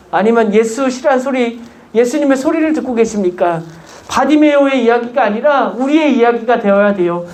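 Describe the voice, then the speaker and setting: A pastor preaching a sermon in church, urging the congregation with repeated rhetorical questions. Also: medium pitch.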